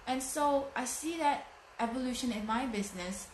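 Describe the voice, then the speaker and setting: A woman's voice: high-pitched, moderate pace, a little hiss or hum. A woman in her late thirties giving a motivational talk, emphatic and fond of repeating phrases for effect. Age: 30s. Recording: echoey room.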